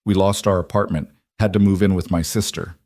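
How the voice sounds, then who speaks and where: A man's voice: deep voice, fairly even intonation, fairly quick, darkish tone, no echo, clean studio sound. A man playing an Eastern European worker woman. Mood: grieving. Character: immigrant woman factory worker, hopeful.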